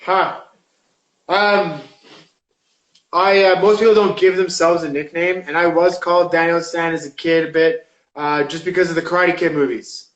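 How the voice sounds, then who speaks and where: A man's voice: on the high side, steady tone, normal speed, fairly bright tone, reverberant, poor audio. A man in his thirties, a pro fighter, chatting casually in an interview, rambling with lots of fillers. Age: 30s. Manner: rambling, lots of likes and uhs.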